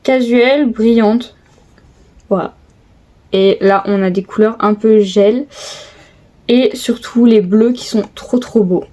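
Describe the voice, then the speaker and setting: A woman's voice: fairly high pitch, takes it slowly, pauses often, mellow. Chatty young woman, make-up tutorial. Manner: chatty, lots of hesitations and repeated "trop, trop beau". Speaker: beauty vlogger. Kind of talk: casual make-up tutorial chat. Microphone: phone camera.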